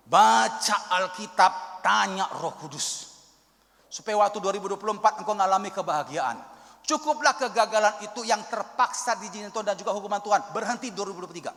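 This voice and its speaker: A man preaches a sermon in a church hall, his voice sitting high for a man. He tells a story, acting out its dialogue, and calls the congregation to say amen. A long reverb trails each phrase through the hall. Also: fairly bright tone. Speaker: evangelist preacher.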